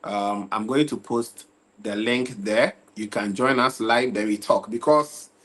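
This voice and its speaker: A fairly low-voiced young man hosts his own football talk livestream, speaking into a desk mic in casual chat. He sounds tired, relaxed and unhurried, repeats himself, and keeps checking whether viewers can hear him. The recording is low quality.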